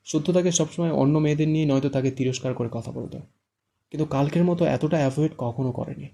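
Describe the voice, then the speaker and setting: A male audiobook narrator reads in an even, measured storytelling manner. His voice is gravelly, with a dark, mellow tone. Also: fairly high pitch. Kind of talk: scripted narration.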